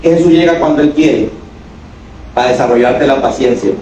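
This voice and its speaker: A man's voice: medium pitch, normal speed, dark tone, slight background noise. A male pastor preaching a sermon. He is emphatic and quizzes the congregation with questions. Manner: emphatic, asks the congregation questions and acts out quoted voices. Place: church. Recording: echoey church hall from a distance.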